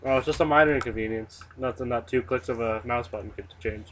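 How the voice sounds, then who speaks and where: A man's voice: medium pitch, quick pace. Young male student, dry teasing gamer banter, faint background hiss. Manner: teasing, deadpan quips. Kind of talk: casual gaming chat.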